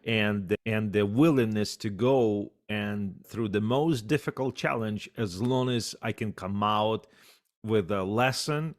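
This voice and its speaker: A man hosting a podcast interview, agreeing warmly and chuckling often as his guest talks. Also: on the low side. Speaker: podcast host. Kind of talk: casual interview.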